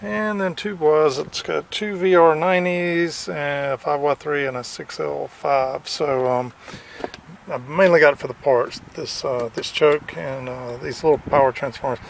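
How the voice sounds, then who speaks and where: A man vlogging on a camera mic as he walks an outdoor fairground flea market, halting and full of fillers, keen about his finds. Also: fairly high pitch, fairly even intonation, creaky, a little hiss or hum. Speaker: vlogger at a hamfest. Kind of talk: casual walkaround vlog.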